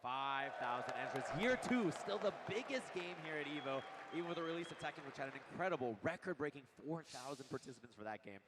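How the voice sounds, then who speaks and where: A man's voice: a little high, lively intonation, fast, noisy background. A man giving emphatic, announcer-style commentary at a live esports event. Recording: music playing behind live stage commentary.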